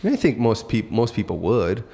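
A low-pitched man hosts a relaxed conversation and tells anecdotes, often restarting his sentences. His voice carries a long reverb from the room. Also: normal speed. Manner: relaxed, storytelling, many restarts. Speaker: podcast host. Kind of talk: casual chat.

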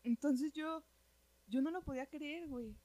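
At a normal speed and in a high voice, a Mexican-accented woman tells a personal story in relaxed conversation. She's animated and slangy, peppering it with "güey," and the recording is dry.

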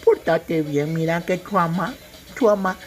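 A woman's voice: lowish voice, unhurried, soft background music, natural voice. A woman playing a loving old grandmother with a Salvadoran accent, fussing over her grandson and husband. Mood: doting. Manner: doting, calls everyone son and dear.

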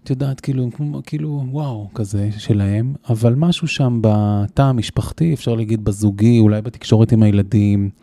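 Podcast host guy, gravelly low-bright voice, rambles his questions with lots of fillers. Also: few pauses, dry recording, clean studio sound. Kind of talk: podcast interview.

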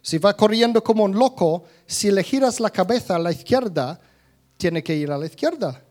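A man's voice: high voice, animated, normal speed, a little mellow. A man giving a casual talk to an audience. He speaks conversationally, with many restarts, and acts out little scenes.

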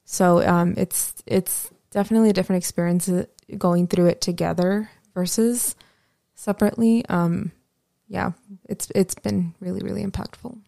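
A woman guest on a podcast, speaking reflectively and hesitantly, with many pauses and fillers. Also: lowish voice, steady tone, creaky, mellow, no echo, clean studio sound. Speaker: guest, host's fiancée. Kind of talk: personal conversation.

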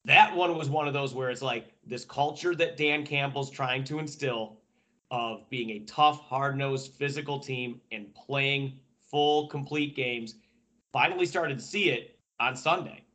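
A man talks sports casually as a podcast analyst. His voice is mid-pitched, bright and forceful. He speaks like an invested fan, colloquial and emphatic, repeating phrases for effect. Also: unhurried. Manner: animated fan talk, emphatic repetition, colloquial. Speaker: podcast panelist and football analyst.

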